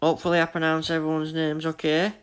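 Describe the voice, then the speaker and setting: Speaking fast and in a monotone, a young Yorkshire gaming streamer chats easily with his viewers during a racing game. His fairly bright voice is a touch high for a man; he greets chat by name, laughs often and cracks jokes about his bad luck in a matey way.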